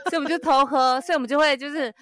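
A young woman with a Taiwanese Mandarin accent, co-hosting a casual chat and telling stories with lively acted-out voices. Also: high-pitched, fast, soft background music. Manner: animated storyteller who acts out quoted voices. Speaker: podcast co-host.

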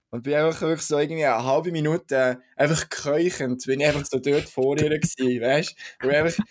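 A man from Switzerland with a Swiss German accent, co-hosting a casual podcast chat and telling a story with lively acted-out moments. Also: mid-range voice. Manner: animated storytelling, acts out shouting. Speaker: podcast co-host.

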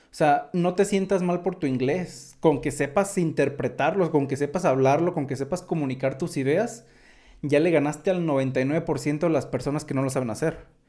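A man's voice: a little high, moderate pace, dark tone. A man with a Mexican accent, chatting casually through tech news and drifting into asides. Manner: chatty, digressive, many fillers like "o sea".

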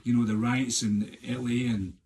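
A man's voice: little pitch movement, moderate pace, a little mellow, slight background noise. A man in his fifties, a filmmaker and actor ranting on his podcast, passionate and swearing a lot, in a poor-quality recording made with the camera set too far away. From Scotland. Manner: impassioned, heavy swearing, rhetorical questions. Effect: low-quality sound from a camera set too far away. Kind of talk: raw unscripted monologue rant. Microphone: camera microphone, not close.

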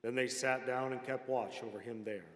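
Guy reading scripture slow and solemn, mid voice, big church with lots of echo. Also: medium pitch, fairly even intonation, a bit bright. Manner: measured, unhurried reading. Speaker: scripture reader. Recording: echoey hall with long reverb.

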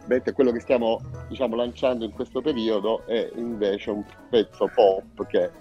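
Speaking on the low side with a level tone, a Salento-born musician from southern Italy chats in a casual radio interview over soft background music. He searches for words hesitantly, pausing often and repeating himself. The recording sounds dull and lo-fi.

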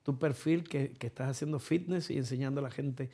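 Male host, husky, gravelly, long-winded in conversation. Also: medium pitch, brisk, warm tone. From Cuba. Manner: rambling, digressive explanations. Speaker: podcast host. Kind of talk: casual interview chat.

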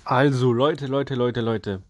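A young male podcast host tells a school story in a loose, slangy, playful way, restarting lines for fun. His voice sits at an ordinary pitch. The sound is dry and close, with faint music underneath. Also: fairly even intonation, takes it slowly, no echo.

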